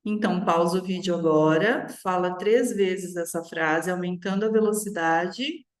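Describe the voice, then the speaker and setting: Echoey Brazilian woman teaching pronunciation. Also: lowish voice. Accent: Brazilian Portuguese. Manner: slow, drawn-out model phrases followed by quick explanations, frequent "tá?". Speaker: English teacher. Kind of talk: online English pronunciation lesson.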